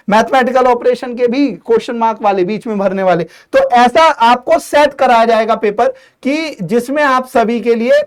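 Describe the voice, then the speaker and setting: A man teaching an exam-prep lesson in a casual, direct way. His voice sits high for a man and comes across smooth and clear. He talks to his students like a coach, with plenty of fillers and quick restarts.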